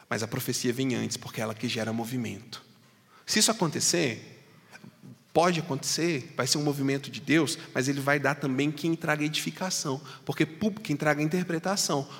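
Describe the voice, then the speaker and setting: A pastor preaches an expository sermon, explaining a passage while speaking conversationally and directly to his congregation. His medium-pitched voice has a fairly bright tone and a long reverb tail.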